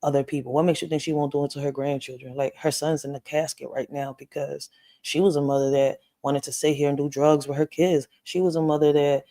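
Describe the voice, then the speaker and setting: A parenting vlogger from Puerto Rico talks straight to her viewers about parenting and family in a deep, warm voice. Her casual personal monologue is emphatic and full of check-ins like "right?" and "you know."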